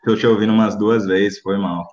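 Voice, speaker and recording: A man's voice: fairly low pitch, steady tone, a little fast, a little mellow. A man with a São Paulo accent, a battle rap contestant chatting in casual slang over an internet call. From São Paulo, Brazil. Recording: echoey, muffled internet call.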